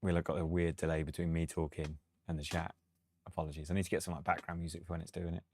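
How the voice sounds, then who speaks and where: Male producer streaming a tutorial; casual, rambling, laughs a lot, low voice. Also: flat delivery, fast talker, darkish tone. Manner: chatty, thinks aloud, laughs often. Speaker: music producer.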